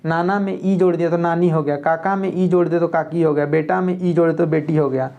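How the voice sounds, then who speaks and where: A woman's voice: on the low side, steady tone, fairly quick, mellow. A woman with a Jharkhand Hindi accent teaching an exam-prep grammar lesson, explaining step by step and often checking "okay" with her students. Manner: explanatory, repeats "ठीक है" often, reads Nagpuri lines aloud.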